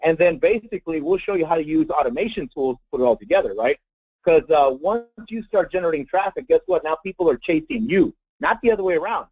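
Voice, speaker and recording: An American man leading a live online sales training as a marketing trainer, with an emphatic, folksy pitch addressed straight to his listeners. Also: lively intonation, fast, darkish tone, no echo. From Texas, United States. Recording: dull lo-fi web conference audio.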